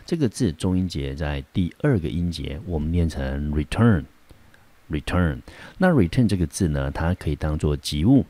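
A man from Taiwan, teaching an English vocabulary lesson and sounding out example sentences slowly and carefully. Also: a bass voice, very animated, warm tone. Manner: slow careful word-by-word pronunciation.

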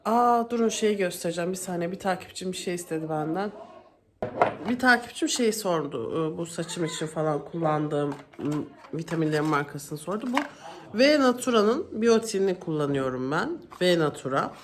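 A woman's voice: fairly low pitch, lively intonation, normal speed. Woman rambling on a home vlog, kinda annoyed, sounds far from the mic w/ faint noise. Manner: exasperated complaining, chatty. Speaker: vlogger. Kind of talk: casual home vlog chat. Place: home kitchen. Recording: echoey room, voice from a distance, faint noise.

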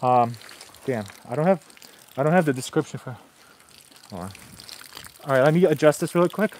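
Streaming from a bathroom renovation and a snowy driveway on his phone, a thirtysomething tile installer improvises a casual how-to for his viewers, restarting often and leaning on fillers. He talks fairly quickly in an expressive, fairly high voice, and the recording is very noisy.

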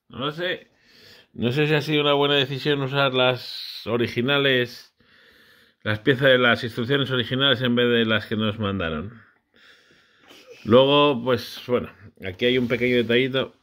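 A man's voice: mid-range voice, a bit bright. A man, casually vlogging a brick build with his child, chatty and often unsure as he corrects himself.

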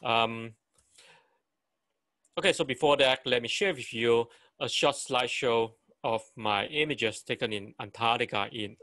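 A man in his forties, giving a photography seminar over a video call, talking with frequent restarts and halting phrasing. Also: mid-range voice, sharp tone, dry recording. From Malaysia. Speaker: photography teacher. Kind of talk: online seminar talk.

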